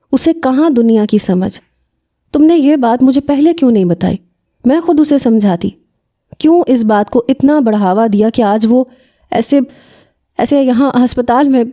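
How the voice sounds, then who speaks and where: Brief: worried young sister, reproachful, mellow dark tone, read by a woman. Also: on the high side, close to an everyday voice.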